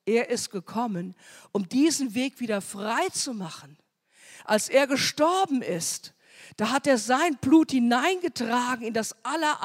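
A woman preaching a sermon, repeating phrases and rising loud on key words. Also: high voice. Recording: long hall reverb.

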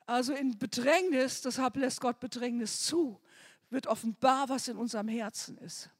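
Husky woman preaching with fervor. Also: fairly high pitch, moderate pace. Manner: fervent, swings from soft near-whispers to loud cries. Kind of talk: sermon.

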